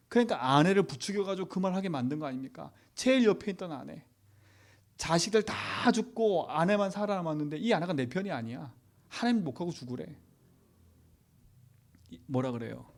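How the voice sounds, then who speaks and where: A male pastor giving a sermon. He asks the congregation rhetorical questions and swings from loud exhortation to near-whispers. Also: fairly high pitch.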